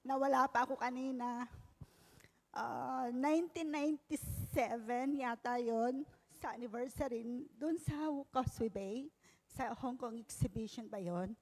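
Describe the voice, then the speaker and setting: Woman in her fifties, high voice, lively storyteller, long reverb in a big hall. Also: a little slow. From Pangasinan, Philippines. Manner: lively storytelling, acting out dialogue. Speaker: testimony giver at a prayer meeting. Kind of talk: personal testimony.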